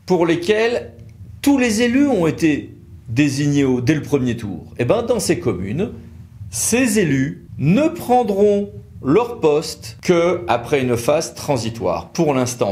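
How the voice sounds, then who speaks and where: A man with a French accent presents a law firm's videos in an informal, teaching style, asking questions and answering them in everyday language. His voice is fairly high-pitched and a little mellow.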